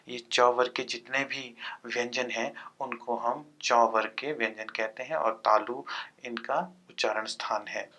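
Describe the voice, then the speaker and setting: Bright-voiced man slowly drilling sounds. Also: mid-range voice. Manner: drills sounds aloud one by one, poses and answers own questions. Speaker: teacher. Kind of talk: exam-prep grammar lesson.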